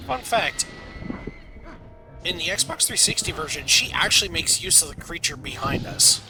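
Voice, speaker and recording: A man's voice: sits high, sing-song, normal speed, rough recording. A man giving casual, blunt game commentary as a co-commentator. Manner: blunt, sweary. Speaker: let's play co-commentator. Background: game music and effects.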